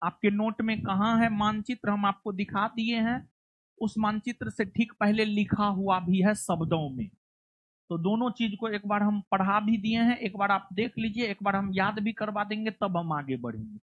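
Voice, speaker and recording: A woman's voice: medium pitch, moderate pace, no room sound, highs cut off. A woman teaching a geography class, coaxing and scolding her students as she drills them. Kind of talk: classroom lecture.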